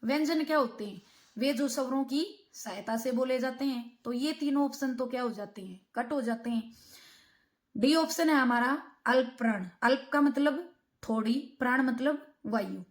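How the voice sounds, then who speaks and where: Female grammar teacher, higher voice, asks and answers her own quiz questions. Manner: asks rhetorical questions and answers them herself; explains terms word by word, slowing on key parts. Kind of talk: exam-prep grammar lesson.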